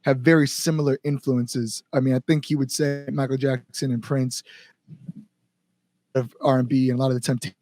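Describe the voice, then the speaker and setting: An American band singer from the Chicago area talks as a guest on a casual podcast, telling animated, informal stories in which he quotes people, says "like" often and swears casually. His voice sits at medium pitch and moves briskly.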